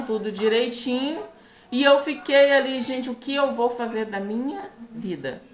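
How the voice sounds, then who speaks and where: Earnest Brazilian woman in an echoey room. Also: a little high. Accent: Brazilian Portuguese. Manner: halting, earnest, often asks the listener "entende?". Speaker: channel host telling her life story. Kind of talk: personal testimony to camera.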